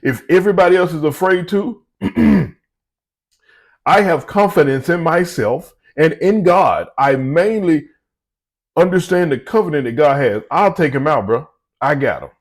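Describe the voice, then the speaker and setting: A man's voice: fairly high pitch, lively intonation, a little slow. A man voicing a brash, confident young warrior who talks in casual slang, cocky and sure of himself.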